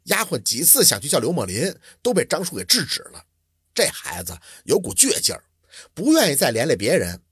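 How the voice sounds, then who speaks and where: A man's voice: on the high side, brisk, husky, no room sound, studio quality. A man telling a traditional story in a dramatic, vivid way. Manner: dramatic, lively, vivid delivery.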